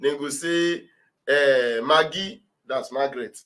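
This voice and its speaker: A man's voice: medium pitch, slow pace, a bit bright. A man with a Nigerian accent hosting a casual talk show in a chatty, teasing way. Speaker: radio show host.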